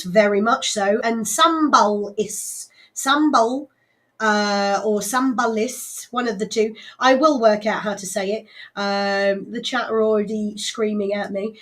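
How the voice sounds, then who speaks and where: A woman hosting a live local radio show with a West Country English accent, chatting casually and rambling with frequent laughs and fillers. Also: on the high side. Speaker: radio host.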